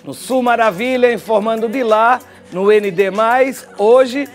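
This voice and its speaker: Older Brazilian male TV host, high-pitched, chatty and wry, lapel mic, faint music bed. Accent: Brazilian Portuguese. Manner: chatty, wry asides, drawn-out sign-offs. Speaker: TV commentator. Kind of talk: studio TV commentary. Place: TV studio.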